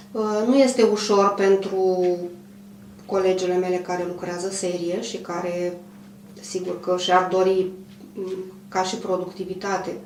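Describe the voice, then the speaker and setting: A woman in her fifties who runs a clothing manufacturer, answering an interview in a measured, hesitant way with many pauses. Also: on the low side, darkish tone. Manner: measured, hesitant, frequent pauses and throat clearing. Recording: roomy, distant mic, faint hum.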